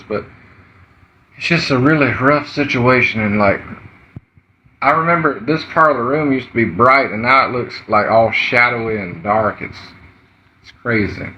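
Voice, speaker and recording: A man's voice: mid-range voice, bright, forceful tone. A man with a Southern US accent, chatting casually as a livestream host in a rambling, folksy way. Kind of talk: casual livestream chat, greeting viewers. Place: indoor room at home. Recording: muffled, roomy, slightly noisy livestream audio.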